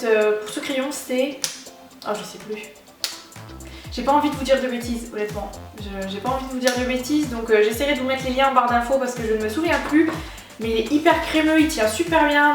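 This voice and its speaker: A young woman chats through a makeup haul in a high voice, looping back with fillers and restarts. She sounds set back from the mic in a very echoey room, with faint music underneath. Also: recorded from a distance. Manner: chatty, many fillers and restarts. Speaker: beauty vlogger. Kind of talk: casual haul review.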